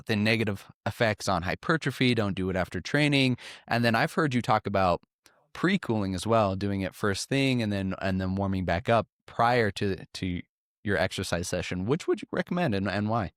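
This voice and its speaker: A man's voice: on the low side, clean tone, no room sound, clean studio sound. A man hosting a podcast interview, talking casually and laughing easily as he asks questions. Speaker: podcast host.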